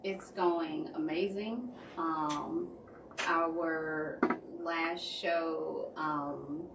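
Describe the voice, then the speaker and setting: A woman who is a guest R&B artist, speaking in a hesitant way with many pauses and ums. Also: low-pitched, fairly even intonation, distant mic, noisy background. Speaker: guest R&B artist and show co-host. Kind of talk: casual podcast conversation. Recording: echoey room, set back from the mic.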